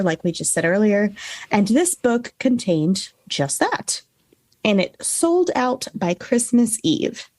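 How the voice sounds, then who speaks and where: A podcast co-host tells a researched story from her notes, mixing in casual banter. Her voice is medium-pitched and mellow, and the recording is dry.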